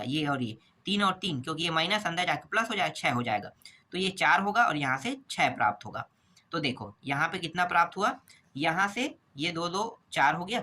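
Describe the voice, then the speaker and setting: A man teaching maths and walking through exam problems step by step. He keeps posing quick questions and answering them himself, checking in with a repeated "okay?". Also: high-pitched, bright, forceful tone.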